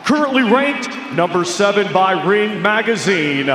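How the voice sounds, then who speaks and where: A man making formal boxing ring introductions like a lucha libre announcer, booming out names and stretching them for the arena. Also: big pitch swings, a little slow. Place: large indoor boxing arena. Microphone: ring announcer's microphone over PA. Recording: echoey arena PA, loud crowd noise.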